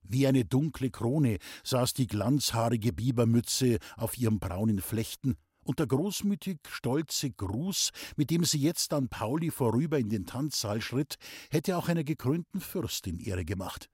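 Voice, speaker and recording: A man reading a novel aloud as an audiobook narrator, calm and even. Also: mid-range voice, unhurried, hardly any pauses, husky, no echo, studio quality. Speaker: audiobook reader. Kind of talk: scripted narration.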